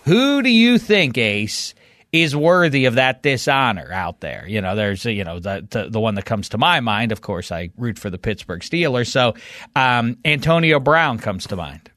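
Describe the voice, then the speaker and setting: A man hosting casual sports talk, with halting, searching phrasing. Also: medium pitch, very animated, fairly bright tone, no room sound, clean studio sound. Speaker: sports talk show host.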